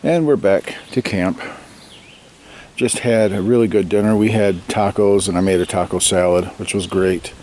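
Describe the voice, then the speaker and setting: A man's voice: on the low side, normal speed, a little mellow. A man talking casually and plainly in a vlog, recorded outdoors by a campfire. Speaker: camping vlogger. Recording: outdoor background noise.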